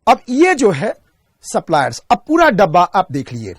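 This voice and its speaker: Teaching an exam-prep class in a recorded online lecture, a man with a high voice swings hugely in pitch. He works through each point by questioning and answering himself, dropping his pace sharply on key terms.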